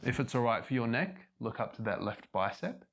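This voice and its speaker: A man leading a guided yoga class as instructor, giving calm, measured step-by-step cues. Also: mid-range voice, gravelly.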